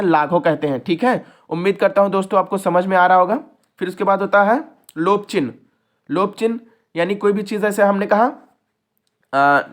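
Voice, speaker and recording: Brief: young male teacher, high voice, patient step-by-step explainer, exam-prep class. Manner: explains step by step, checking in with "ठीक है".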